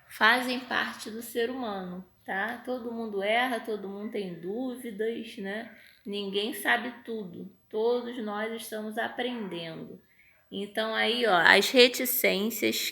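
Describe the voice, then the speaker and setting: A woman teacher with a Brazilian Portuguese accent, patiently explaining punctuation step by step and acting out example phrases. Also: medium pitch. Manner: acts out example phrases with lively intonation. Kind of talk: online grammar lesson.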